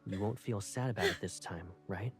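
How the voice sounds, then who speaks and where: A gentle young love interest. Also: male voice, lowish voice, a little fast, breathy edge, no room sound, soft background music. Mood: tender. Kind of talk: video game voice acting.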